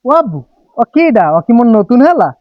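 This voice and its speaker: An actor playing a chatty son-in-law just back from years abroad in a comic village drama. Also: male voice, very high voice, big pitch swings, brisk, no room sound. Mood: indignant. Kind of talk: comedic village drama acting. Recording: dull lo-fi audio, faint music.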